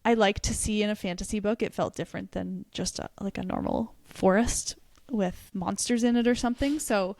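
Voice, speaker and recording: A young woman co-hosts a book podcast, chatting casually and animatedly about books and laughing often. Her medium-pitched voice has vocal fry and a darkish tone, moving at a moderate pace with few pauses and no room sound.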